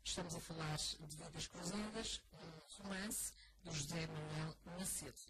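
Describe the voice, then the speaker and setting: A woman's voice: sits low, a little slow. A woman with a European Portuguese accent, hosting a radio interview and announcing an event formally. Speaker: radio host. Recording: noisy radio broadcast.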